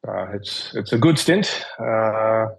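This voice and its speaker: Man, Australian accent, lowish voice, casual interview guest, matter-of-fact. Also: lively intonation, takes it slowly, vocal fry, rough recording. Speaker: interview guest, carpenter at a research station.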